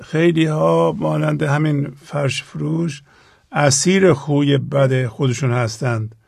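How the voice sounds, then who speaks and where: A man hosting a call-in show, answering a caller with measured, counseling remarks. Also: on the high side, steady tone, creaky, darkish tone, dry recording, clean studio sound. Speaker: host. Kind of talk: calm advice on a call-in show.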